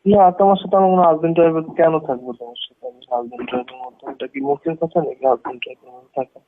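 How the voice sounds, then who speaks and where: Over a tinny, narrowband phone line, a man argues defensively and dismissively, often firing back with questions of his own. His voice is a little high and his speech rapid-fire, with background noise in the recording.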